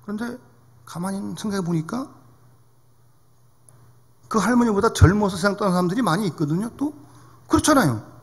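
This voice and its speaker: A male pastor delivers a sermon with a high, animated voice that rises and falls a lot. He talks to the congregation in a conversational way and keeps asking them questions. The long reverb of a church hall hangs behind him. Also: a little fast, long pauses, husky. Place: church sanctuary.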